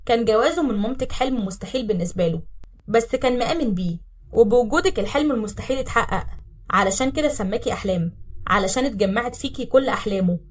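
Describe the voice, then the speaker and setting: Blunt teasing young Egyptian cousin, gruff and dry, husky distant voice, read by a woman. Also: on the high side, lively intonation, fast talker. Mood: gentle.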